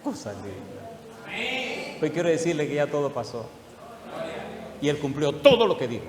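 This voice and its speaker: A man's voice: fairly high pitch, expressive, a little fast, crowd noise. An older man preaching a sermon to a congregation, emotional and chuckling, with fond asides and rhetorical questions. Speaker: pastor. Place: church hall. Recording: echoey church hall with long reverb.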